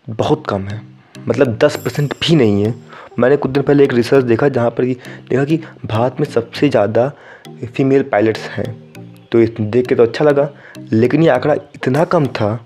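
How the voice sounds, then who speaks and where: A man's voice: mid-range voice, warm tone. A young man from India hosting a solo podcast, talking casually and directly to his listeners and slipping English phrases into his sentences. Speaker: podcast host.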